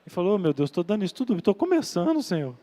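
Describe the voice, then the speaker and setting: Male pastor with a Minas Gerais accent, high voice, dramatic storytelling sermon in a long-reverb church hall with soft music. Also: very animated, fast. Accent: Brazilian Portuguese, Minas Gerais. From Minas Gerais, Brazil. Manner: dramatic storyteller acting out voices, swinging from loud to hushed.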